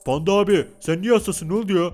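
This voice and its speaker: A man's voice: sits high, fast, darkish tone, soft background music, close to an everyday voice. A man voicing an eager young male fan who follows the panda around.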